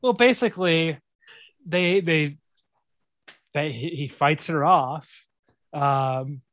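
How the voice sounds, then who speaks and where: A man's voice: a little high, slow pace, dry recording. Laid-back man recapping a film. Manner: relaxed, laughs often, repeats words while searching. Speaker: podcast co-host. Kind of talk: casual chat recapping a film.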